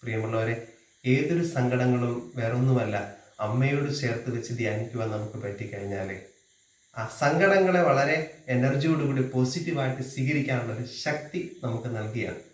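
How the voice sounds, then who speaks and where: A man giving a slow, gentle devotional sermon as a preacher, with sung hymn passages. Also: medium pitch. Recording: echoey, distant, with music behind.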